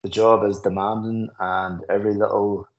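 Low-voiced Northern Irish man, earnest. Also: little pitch movement, normal speed, muffled recording. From Northern Ireland. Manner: earnest, anecdotal, frequent restarts. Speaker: school principal, guest. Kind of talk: reflective interview conversation.

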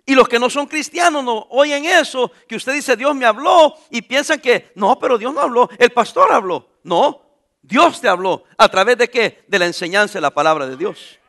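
A man preaching a sermon, his voice high and sharp-edged. His pitch swings widely as he lifts his questions and drops to answer them himself. He hammers home key phrases by repeating them. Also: animated, moderate pace. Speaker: pastor.

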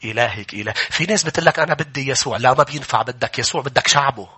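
Male pastor, forceful, driving preaching that swells into shouts. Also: mid-range voice, rapid-fire, slightly rough. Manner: impassioned preaching, often rising to shouts. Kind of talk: sermon.

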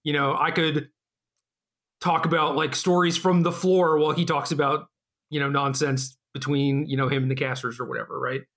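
A man with a somewhat high, very bright and forward voice hosts a podcast. He talks in a casual, conversational style. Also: little pitch movement, normal speed. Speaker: podcast host.

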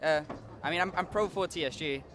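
Fast-talking young man from Liverpool. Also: fairly high pitch, background noise. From Liverpool, England. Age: young adult, 19. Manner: hesitant, many filler sounds. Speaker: skateboarder being interviewed. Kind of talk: casual interview answers. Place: outdoor skateboard competition.

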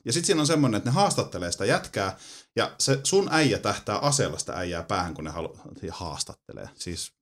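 A man in casual chat about video games, animated and swearing, jumping into high-pitched exclamations. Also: hardly any pauses.

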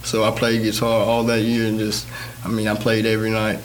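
A man's voice: fairly low pitch, completely flat delivery, a little fast. A young man, a guitarist and singer answering interview questions in an earnest, rambling way. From Mississippi. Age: young adult. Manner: earnest, rambling, with fillers and restarts. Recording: noisy background ambience.

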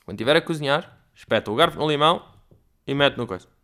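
A man voicing a chatty older male waiter who speaks softly, likes handing out tips, and has a European Portuguese accent. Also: on the high side, expressive, quick pace. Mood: helpful. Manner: folksy, fond of stock phrases.

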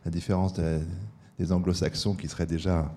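A man moderating a public discussion, relaxed and joking with the audience. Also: deep voice, fairly quick.

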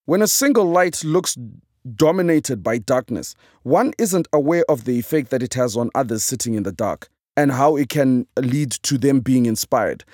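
A man's voice: mid-range voice, expressive, moderate pace, a little mellow, dry recording. A man with a Zimbabwean accent reads aloud from his own inspirational book, his voice still carrying a touch of morning. He delivers it in a reflective, motivational cadence that leans toward preaching. The recording is dry and close, with no room sound.

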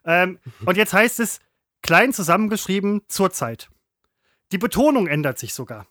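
Pedantic, teasing male co-host with a high voice and dry mic. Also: animated, sharp tone, dry recording. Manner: pedantic, teasing, drawn-out emphatic examples. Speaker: podcast co-host. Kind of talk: casual chat.

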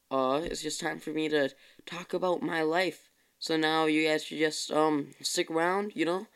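Here the podcast host, a tired young man, rambles casually and keeps correcting himself along the way. A smooth, clear voice, slightly high for a man, carries his relaxed solo talk aimed squarely at the listeners.

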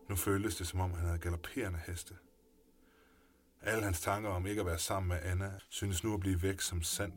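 Deep, flat-voiced male narrator. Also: a little hiss or hum. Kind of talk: scripted story narration. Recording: music playing underneath.

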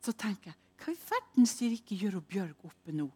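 A woman preaching a sermon, telling a personal story dramatically and moving between hushed and loud delivery. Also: medium pitch, very animated, slightly rough.

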